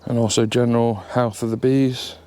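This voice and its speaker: Sniffly from hay fever, an English beekeeper in a bee suit chats casually as he inspects his hive outdoors in a grassy apiary. His medium-pitched voice runs at normal speed, relaxed and thinking aloud. The camera near the hive adds a little hiss or hum.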